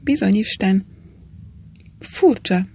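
A woman voicing a startled older English gentleman in an audiobook reading, exclaiming in alarm. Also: medium pitch, animated, vocal fry, breathy edge.

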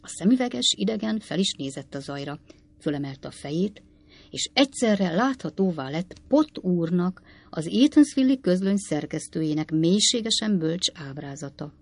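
Husky low-voiced woman narrating a novel. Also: lively intonation, darkish tone, no echo. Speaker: audiobook narrator. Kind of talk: scripted narration of a classic novel.

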